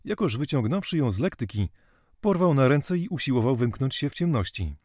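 Man, audiobook narrator, classic novel, measured steady reading, medium pitch, dry close mic. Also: dry recording.

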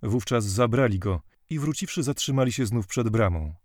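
A male narrator reads a classic novel at a measured, steady pace. His voice sits in the middle of the male pitch range, and the recording is close and dry, with no room sound. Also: no echo. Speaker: audiobook narrator.

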